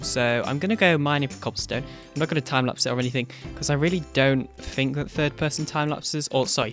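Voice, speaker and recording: A man's voice: mid-range voice, a bit bright. Rambling young man narrating gameplay. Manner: rambling, self-correcting, chuckles often. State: groggy morning voice. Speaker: gaming YouTuber. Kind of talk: casual Let's Play commentary. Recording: faint background music.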